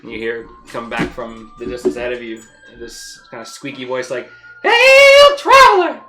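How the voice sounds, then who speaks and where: A woman's voice: very deep voice, level tone, moderate pace, faint music behind. A woman narrating as game master of a tabletop game, loose and chatty.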